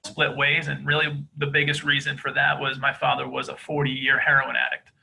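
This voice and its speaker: A man from East Boston with a softened Boston accent, telling his life story earnestly in a podcast interview. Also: medium pitch, completely flat delivery, moderate pace, gravelly, husky, low-quality recording. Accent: Boston, softened by years in Georgia. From East Boston, Massachusetts. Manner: earnest, open, many fillers. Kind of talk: candid conversational interview.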